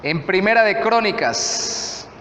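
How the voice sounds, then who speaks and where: Slow-speaking Colombian pastor in echoey hall. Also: male voice, high-pitched, animated, a bit bright, slight background noise. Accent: Colombian Spanish. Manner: slow, deliberate scripture reading and prayer. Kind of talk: sermon. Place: church hall. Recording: echoey church hall, faint ambience.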